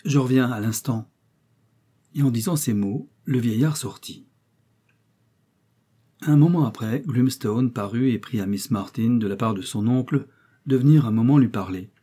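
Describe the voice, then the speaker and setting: Male audiobook narrator, measured and even, dark husky tone. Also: mid-range voice. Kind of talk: scripted literary narration.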